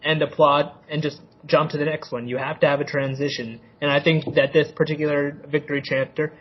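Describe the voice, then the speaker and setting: A man co-hosting a fan podcast, with a husky, slightly high voice. His delivery stays flat and even as he calmly lays out his view. The audio is muffled and lo-fi. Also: a little fast. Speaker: podcast co-host. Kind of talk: casual fan podcast chat.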